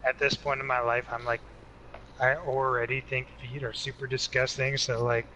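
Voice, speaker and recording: A man's voice: mid-range voice, little pitch movement, moderate pace, pushed and bright, a little hiss or hum, poor audio. A man in his late twenties co-hosting a podcast in casual chat, rambling and filling with "like". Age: 20s. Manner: rambling, fills with "like". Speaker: podcast co-host.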